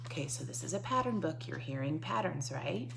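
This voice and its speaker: Reading a picture book aloud to young children, this woman teacher breaks off to explain things and draws out answers with questions and repetition. Her low-pitched voice is expressive and brisk, with vocal fry, and the recording is noisy.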